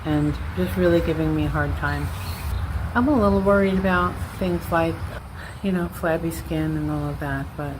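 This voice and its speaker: A woman's voice: low-pitched, moderate pace, noisy background. A woman, talking in a candid, rambling, self-deprecating way in a casual personal vlog. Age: 60s. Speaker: vlogger.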